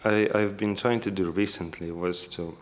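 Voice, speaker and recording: Low-pitched, careful academic man. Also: fairly even intonation, moderate pace. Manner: hesitant, careful academic phrasing with frequent rewording. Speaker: academic researcher, interviewee. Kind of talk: scholarly interview discussion.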